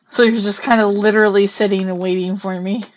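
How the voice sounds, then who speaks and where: A woman's voice: mid-range voice, steady tone, a little fast. A young woman streaming a farming game, chatting casually and talking through each move she makes. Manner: chatty, narrates her gameplay aloud, hums to herself. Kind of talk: casual live-stream chat.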